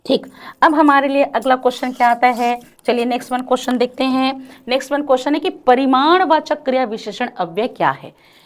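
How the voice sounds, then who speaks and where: High-voiced woman teaching grammar. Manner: addresses students as "beta", asks "clear ho gaya?" often; sings or drawls example lines slowly. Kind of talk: exam-prep grammar lecture.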